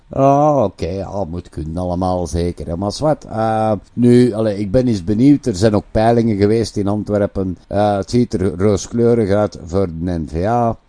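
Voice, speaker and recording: A man's voice: lowish voice, dark tone, no room sound. A man with a Flemish accent giving a casual, rambling monologue of opinions. He often ends his phrases with a questioning tag.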